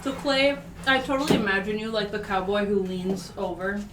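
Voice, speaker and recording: A woman's voice: mid-range voice, normal speed, recorded from a distance, background noise. A woman narrating as game master of a tabletop game, casual, chatty and giggly. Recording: roomy, from the mic, faint music.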